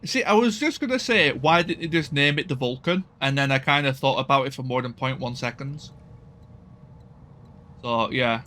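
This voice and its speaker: A man's voice: mid-range voice, normal speed, pushed and bright. A man casually commenting while playing a strategy game, thinking aloud and swearing now and then.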